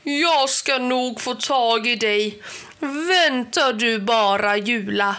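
A woman reading a storybook aloud, voicing a loud, taunting villainous male Christmas gnome chief. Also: on the high side, lightly acted. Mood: bellowing.

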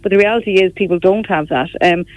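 Medium-pitched and quick, this woman's voice carries a west of Ireland accent from Galway. As an opposition politician on a radio interview, she talks politics casually, sprinkling in "you know" and "like". The recording sounds dull and dry.

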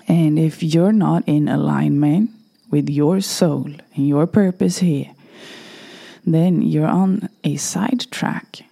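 Hoarse, slow-talking woman podcast host. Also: deep voice. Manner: unhurried, dropping into soft whispered asides. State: voice going hoarse. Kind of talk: motivational solo podcast talk.

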